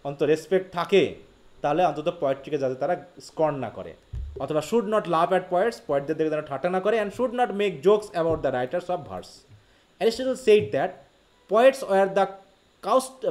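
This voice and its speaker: A man with a Bangladeshi accent teaching a live online literature class. He explains quickly, reads English passages slowly and keeps asking his students questions. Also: sits high, animated, a little mellow. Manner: quick Bengali explanation, slow read-aloud English quotes, frequent questions to students.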